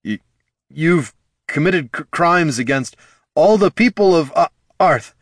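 A man's voice: lowish voice, lively intonation, slow, a bit bright, no room sound, studio quality, exaggerated voice. A man voicing a timid grown son who stammers and halts nervously in an audiobook. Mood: stammering. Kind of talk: audiobook character voice.

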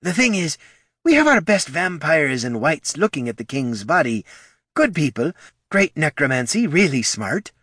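A man's voice: a little high, sing-song, normal speed, fairly bright tone, slightly rough, no echo, studio quality, pitched above the performer's own voice, heavily acted. A man voicing a nervous, fumbling spectral woman who apologizes and hedges as she delivers bad news. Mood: flustered.

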